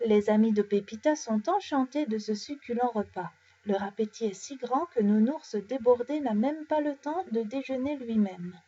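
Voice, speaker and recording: A French-speaking woman reading bedtime stories aloud, animated and changing her voice for each character. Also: fairly high pitch, moderate pace, few pauses, breathy edge. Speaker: storyteller. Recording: dull lo-fi recording.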